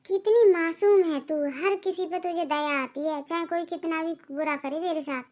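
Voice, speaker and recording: Woman voicing a soft, caring elder sister-in-law. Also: very high voice, fairly even intonation, moderate pace. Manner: sighing, sympathetic, soft-spoken. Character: worried, kind elder daughter-in-law. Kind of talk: Hindi cartoon voice acting.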